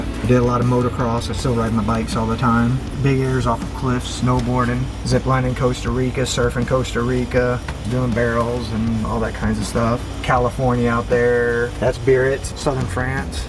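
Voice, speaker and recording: A man's voice: medium pitch, flat delivery, moderate pace, hardly any pauses, background noise. A man in a casual interview, enthusiastically listing his adventures. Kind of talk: casual chat.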